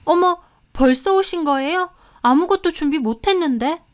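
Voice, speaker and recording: A woman voicing a flustered young female housekeeper with a shrill voice. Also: lively intonation, moderate pace. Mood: polite.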